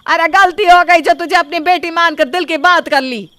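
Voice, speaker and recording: A woman voicing a sharp-tongued middle-aged mother-in-law who scolds sarcastically. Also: extremely high pitch, moderate pace, a little hiss or hum. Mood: scolding.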